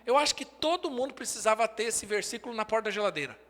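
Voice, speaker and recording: High bright-voiced Brazilian pastor preaching. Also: male voice, expressive, quick pace. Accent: Brazilian Portuguese. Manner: emphatic, short punchy declarations. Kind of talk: sermon. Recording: long hall reverb.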